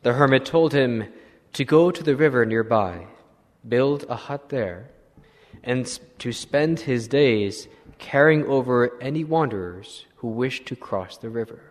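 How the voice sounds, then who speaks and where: Slow priest preaching in a reverberant hall. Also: male voice, mid-range voice. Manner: slow, measured retelling with clearing of throat. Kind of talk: sermon storytelling.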